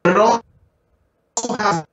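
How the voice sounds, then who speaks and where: A man chatting casually over a video call, his voice choppy and glitchy as the connection breaks up, speaking in halting fragments. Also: high voice, fairly bright tone. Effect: choppy, glitchy, breaking-up call audio. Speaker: co-host recommending anime films. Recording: dull, echoey internet call audio.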